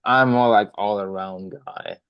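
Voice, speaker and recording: This is casual interview chatter from a young drummer from Denmark, appearing as a podcast guest who rambles amiably and keeps restarting and filling gaps with ums. He has a fairly low, smooth voice with a steady tone and a measured pace. The sound is lo-fi but echo-free.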